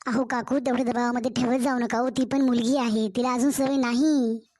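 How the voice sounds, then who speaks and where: A woman voicing a calm, soothing young neighbour in a cartoon story, with a Marathwada Marathi accent. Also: a little high, brisk, lightly acted.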